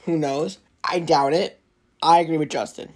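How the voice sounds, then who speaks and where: A man's voice: fairly high pitch, fairly even intonation, normal speed. A man co-hosting a casual sports podcast, rambling and restarting his sentences.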